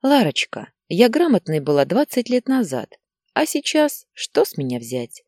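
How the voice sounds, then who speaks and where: A doting older mother pleads and soothes in a soft, coaxing manner, as a woman reading the story voices her. Her pitch moves widely, heard up close in a dry, quiet recording. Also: wildly swooping pitch, unhurried, no echo, full character voice. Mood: pleading.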